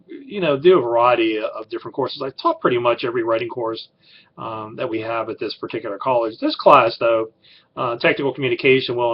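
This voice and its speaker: A man's voice: mid-range voice, dull audio. A middle-aged man who teaches college writing, giving a class introduction in a rambling way with many fillers and restarts. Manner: rambling, filler-heavy, self-correcting.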